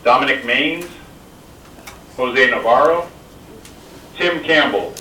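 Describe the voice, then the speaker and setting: A man's voice comes through a school intercom loudspeaker, heard from far off across a classroom. His tone is bright and edged, with a roomy echo and a faint hiss behind it. He reads out a list of names in a polite, steady way. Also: medium pitch, slow. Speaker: school staff member making an announcement. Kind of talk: public address announcement. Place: classroom, voice from a wall speaker.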